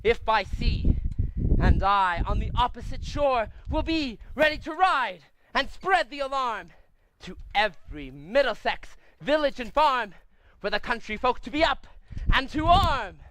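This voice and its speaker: A man voicing a jolly storyteller who gathers children in a cartoon, animated and sing-song. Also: very high voice, no room sound, full character voice.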